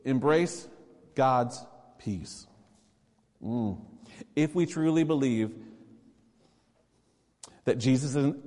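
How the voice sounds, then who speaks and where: A male pastor delivers a sermon in an earnest, conversational way, driving points home with short emphatic urgings. His voice sits at an ordinary middle pitch and rings out with the long reverb of a church sanctuary. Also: a little mellow.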